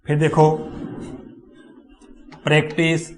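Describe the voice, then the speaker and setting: Man, classroom lecture, repeats example words, slightly high voice. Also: completely flat delivery, takes it slowly, slight background noise. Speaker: teacher.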